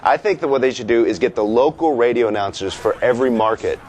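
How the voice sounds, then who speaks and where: A man with a middle-range voice co-hosts a casual live broadcast. He reads viewer questions aloud in a relaxed, easy manner, and faint noise runs under the recording. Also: medium pitch, fast. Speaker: co-host reading viewer questions.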